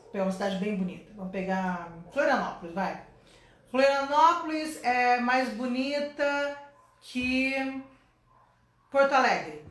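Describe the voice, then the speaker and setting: A fairly high-voiced woman from Brazil teaches an English lesson in a relaxed, chatty way. She breaks each rule into small steps and keeps checking that her students follow. The room around her rings with noticeable echo. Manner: chatty, explains step by step with frequent checks. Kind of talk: casual online English lesson.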